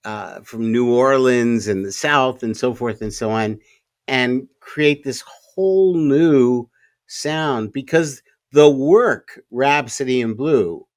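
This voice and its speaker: A man's voice: medium pitch, dry recording, clean studio sound. A man with a standard American accent discussing film conversationally, in an earnest, reflective manner. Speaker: film commentator.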